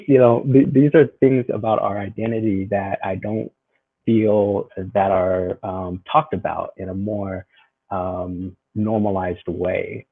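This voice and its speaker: Over a tinny video call with no room sound, a man in his forties from the United States gives a thoughtful interview, full of fillers and restarts. His voice is low with a breathy edge.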